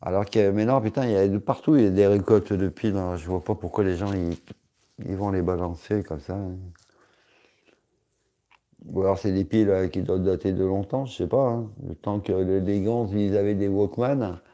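A man's voice: low voice, fairly even intonation, normal speed, dark tone. A man chatting casually on a live stream, answering his chat in a rambling, joking way with many hesitations.

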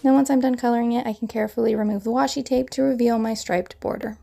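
A woman's voice: on the high side, steady tone, quick pace, gravelly, warm tone, soft background music. A woman in her thirties with a crackly morning voice, chattily narrating a card-making tutorial voiceover and explaining each step.

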